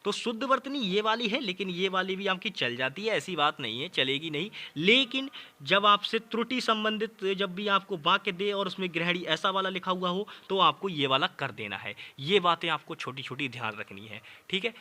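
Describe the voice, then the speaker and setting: A man's voice: high-pitched, expressive, moderate pace, bright, forceful tone. A man teaching a spelling class in a chatty way, often calling his students brother and checking in with "okay". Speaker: Hindi teacher.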